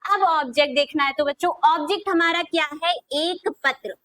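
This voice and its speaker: High-voiced woman teaching grammar. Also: fairly bright tone, rough recording. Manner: repeats questions back to students, drawn-out dictation. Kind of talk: classroom video lesson.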